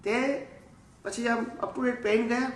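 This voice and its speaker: A man, a spiritual teacher, telling lively personal anecdotes at a satsang, often chuckling and mixing in English phrases. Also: extremely high pitch, measured pace, reverberant. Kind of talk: storytelling at a satsang. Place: gathering room in the USA.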